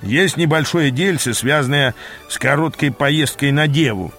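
A man's voice: on the high side, moderate pace, fairly bright tone, faint music behind. A man voicing a bossy, sarcastic demon mentor in a fantasy audiobook. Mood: sardonic. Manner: sarcastic, commanding. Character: gruff, bossy, sardonic male demon mentor.

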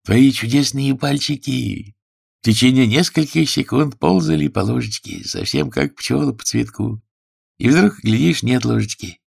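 A man's voice: medium pitch, normal speed, gravelly, husky, voice pushed up. A man reading a story aloud and voicing a reformed male crook who speaks fondly and coaxingly to his fiancée. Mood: reassuring. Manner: fond, gently coaxing. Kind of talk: audiobook character voice.

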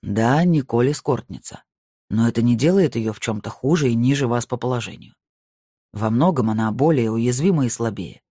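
A stern male medium, played by an audiobook reader, speaks slowly in curt, grim sentences. His tone is warm and husky. The recording is dry and close. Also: medium pitch, lively intonation, no room sound. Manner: slow, clipped and curt. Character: stern bearded male medium, weary and tense.

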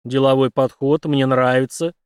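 A man reading an audiobook, voicing a huge burly bar owner who booms and grumbles. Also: fairly even intonation, moderate pace, no room sound, clean studio sound, close to an everyday voice. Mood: booming. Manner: booming, gruff.

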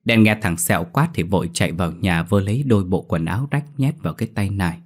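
A man narrating a horror story in a steady, measured storytelling voice. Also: low-pitched.

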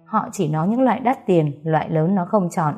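A woman narrating an audiobook story in a steady, even manner. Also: lowish voice, fairly quick, faint music behind.

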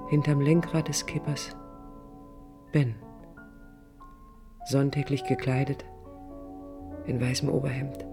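For a radio drama, an actress with a very deep voice plays a young woman architect who is sensitive and proud yet vulnerable. She narrates her inner thoughts in short, halting phrases, heavily acted.

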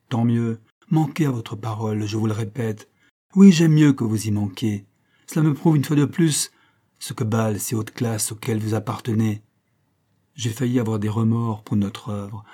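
A man's voice: mid-range voice, dark tone, natural voice. A man voicing a proud, defiant young woman revolutionary who speaks with bitter contempt in an audiobook reading.

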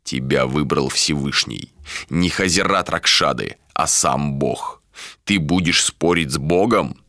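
A man reading an audiobook voices a cold, contemptuous male ruler in a low, measured voice. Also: sharp tone, no room sound, clean studio sound, heavily acted. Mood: cold, commanding.

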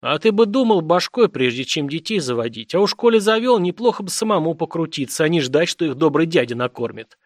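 A man's voice: fairly high pitch, very animated, fairly quick, hardly any pauses, no echo. A man reading an audiobook, voicing a phlegmatic, contemptuous chief of guards who bullies starving people. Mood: sneering. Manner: sneering, bullying, coarse.

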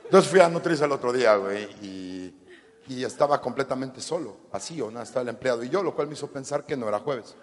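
Slangy laid-back comic. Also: male voice, medium pitch, animated, fast, long reverb tail, noisy background. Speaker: stand-up comedian. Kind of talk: stand-up set.

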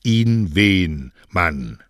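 A slow, heavy-spoken older poet from a radio story, as a male narrator puts him on. His low voice is husky and sounds dry. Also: lively intonation, fairly bright tone, dry recording. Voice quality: sluggish, heavy speech.

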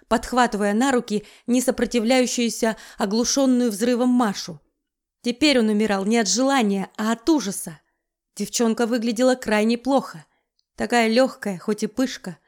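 A woman reading a novel aloud in the first person, with wry, lively storytelling. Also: fairly high pitch. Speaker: audiobook narrator.

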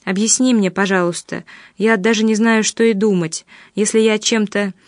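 A woman's voice: medium pitch, steady tone, normal speed, dry recording, clean studio sound, natural voice. A woman reading a fragile, tearful young woman. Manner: soft and pleading.

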